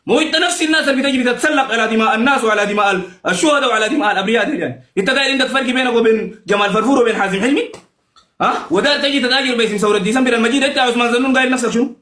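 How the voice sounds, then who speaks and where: Furious rapid-fire Sudanese man ranting. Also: extremely high pitch, bright, forceful tone, echoey room. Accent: Sudanese Arabic. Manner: heated, repetitive, insulting. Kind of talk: angry livestream rant.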